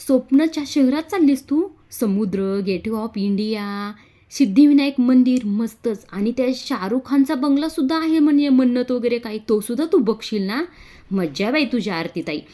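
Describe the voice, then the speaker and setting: Woman putting on an excited chatty young girl. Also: moderate pace, close to an everyday voice. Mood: thrilled. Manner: gushing, higher and louder.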